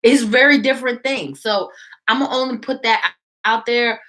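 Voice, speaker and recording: A woman co-hosting a podcast in casual chat, animated and opinionated, laughing easily. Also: a little high, moderate pace. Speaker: podcast co-host.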